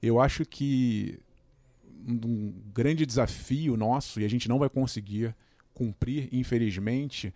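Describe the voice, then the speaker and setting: In a casual podcast discussion, a male co-host offers thoughtful, somewhat hesitant opinions. His medium-pitched voice is dark-toned and unhurried, and the recording is dry.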